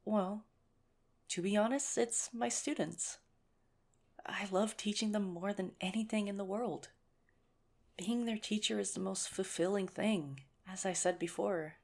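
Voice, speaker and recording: In this conversational ASMR romance roleplay, a woman voices an earnest, nerdy young teacher who shyly pursues her crush with gentle self-mockery and some hesitation. She speaks a little slowly at medium pitch with vocal fry, tender and sincere in mood.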